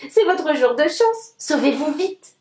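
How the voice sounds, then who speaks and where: A woman voicing a hungry, softhearted young male wolf in a storybook, grumbling at himself. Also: high voice, sing-song, measured pace, roomy sound, pitched above the performer's own voice, exaggerated voice. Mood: eager.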